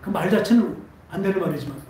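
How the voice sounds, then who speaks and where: A man's voice: high-pitched, fast talker, mellow, slight background noise. A man preaching a Sunday sermon as pastor, asking his congregation question after question. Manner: asks the congregation many questions. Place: church sanctuary. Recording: echoey church hall from far off.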